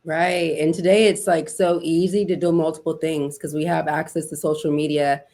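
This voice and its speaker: A woman's voice: deep voice, fairly even intonation, moderate pace, warm tone. A woman hosting a podcast, asking questions in an upbeat, casual way. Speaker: podcast host. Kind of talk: casual interview.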